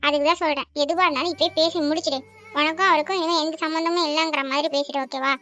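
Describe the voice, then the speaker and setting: A woman voicing a caring young woman in a cartoon who gives her friend frank, brisk advice. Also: high-pitched, steady tone, sharp tone. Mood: coaxing. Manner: brisk, advising. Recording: dull lo-fi audio with music bed.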